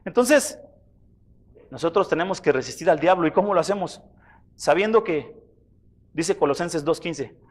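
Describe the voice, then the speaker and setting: High-voiced man preaching a sermon. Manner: conversational preaching, addresses listeners as brothers. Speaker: pastor.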